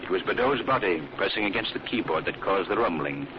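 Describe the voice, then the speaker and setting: An actor playing a commanding, calm and ominous crime-fighting vigilante in a theatrical, solemn 1940s radio style. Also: male voice, low-pitched, fairly quick. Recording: muffled, noisy old radio recording.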